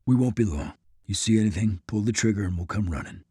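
A man voicing a gruff, practical male army lieutenant who speaks curtly. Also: lowish voice, fast, dark tone, dry recording, studio quality.

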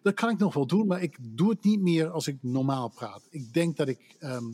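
A man's voice: a little high, expressive, moderate pace, warm tone, breathy edge. A Dutch man who works as a voice actor, chatting casually on a podcast and telling stories with self-deprecating humor. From Netherlands. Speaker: voice actor guest.

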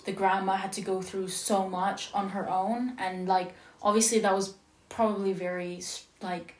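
A woman's voice: medium pitch, flat delivery, moderate pace, a little mellow. A woman in a casual film chat, rambling along with frequent fillers. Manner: rambling, full of "like". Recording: echoey room.

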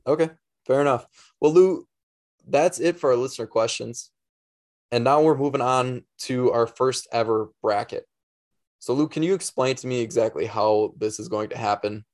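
A man co-hosting a casual podcast, with a middling pitch and an easygoing, halting way of talking. He often restarts his sentences. The sound is dry and close, with almost no room echo. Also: darkish tone. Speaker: podcast co-host.

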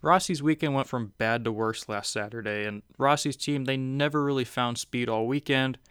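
Male recap host, casual and chatty, smooth resonant voice, dry close sound. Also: medium pitch, moderate pace, fairly bright tone, dry recording. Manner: conversational, with frequent "uh" fillers. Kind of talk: casual race recap commentary.

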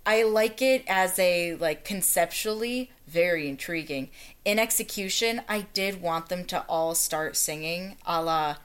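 A woman's voice: fairly low pitch, a little slow, clear, resonant tone. A woman co-hosting a podcast, discussing a TV episode with dry, wry analysis. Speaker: podcast co-host. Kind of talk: casual chat about a TV episode.

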